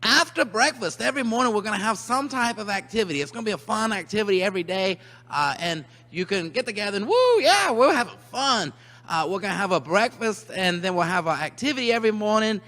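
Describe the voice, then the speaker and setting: A man's voice: high voice, bright, forceful tone. A man presenting to children in a comic rules announcement, mock-earnest, emphatic and repetitive. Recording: long hall reverb.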